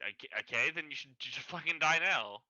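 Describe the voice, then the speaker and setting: A man speaking into a headset that makes him sound thin and tinny, with no bass at all. His tone is bright and cutting, his pitch a little high. He argues insistently, repeating words and stammering as he jumps in. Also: animated, a little fast, no echo. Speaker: player in an online Mafia game. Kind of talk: heated voice-chat debate. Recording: tinny dry headset mic.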